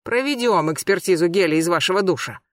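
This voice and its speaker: A reader voicing a cold, persistent male police colonel, cutting and deliberately calm. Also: medium pitch, no echo, studio quality, natural voice. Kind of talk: audiobook character voice.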